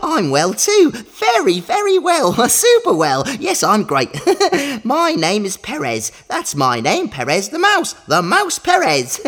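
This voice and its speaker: A woman's voice: a little high, huge pitch swings, takes it slowly, fairly bright tone, full character voice. A woman voicing a boastful, gleeful magical tooth-collecting mouse for a children's story, exclaiming and giggling like an overbright party host. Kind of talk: children's storytelling for a listening exercise.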